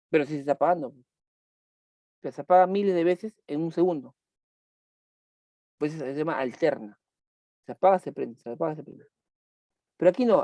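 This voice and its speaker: A man's voice: sits high, warm tone, dry recording. A man teaching a chemistry class online, repeating key points and asking students questions as he goes.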